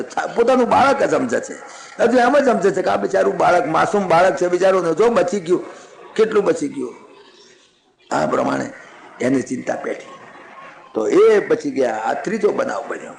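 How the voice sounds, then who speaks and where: A man giving a devotional sermon, telling a scripture story in a lively, folksy way with chuckling asides. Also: sits high, creaky, roomy sound, low-quality recording.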